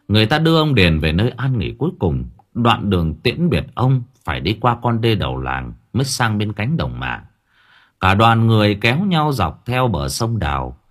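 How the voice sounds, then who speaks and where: A man reading a story aloud as an audiobook narrator, in an expressive, dramatic style. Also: fairly low pitch. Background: faint music.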